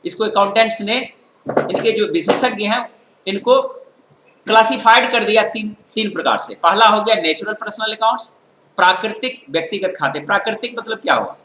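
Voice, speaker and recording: A man's voice: sits high, pushed and bright. A man teaching accounting in a classroom lecture style, explaining patiently and often checking whether listeners follow. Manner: explanatory, keeps checking understanding with tag questions; reads English definitions slowly, then explains them. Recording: echoey room with faint noise.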